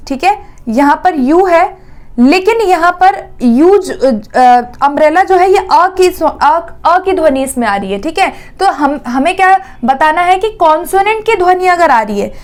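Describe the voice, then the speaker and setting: A woman teaching an exam-prep grammar lesson, repeating words slowly and checking in often. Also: high-pitched.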